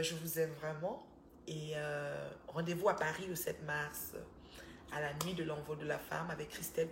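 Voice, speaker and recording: A woman hosting a live stream and talking straight to her viewers in an animated, repetitive way. Her voice sits a little low, and the room gives it a clear echo. A faint noise runs underneath. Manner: animated, repeats words, talks straight to viewers. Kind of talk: casual live-stream chat to followers.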